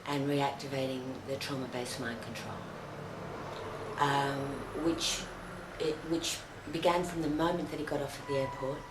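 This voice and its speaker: A woman commenting on a video, halting and full of restarts. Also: rumbling low, fairly even intonation, reverberant, very noisy. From Australia. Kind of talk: casual commentary.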